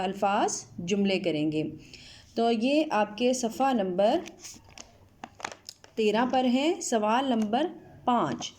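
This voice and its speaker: A woman teacher from Pakistan giving an online Urdu lesson to students, drawing out each word slowly as she spells it. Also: a little high, a little mellow, a little hiss or hum. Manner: slow, drawn-out spelling of words. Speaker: school teacher.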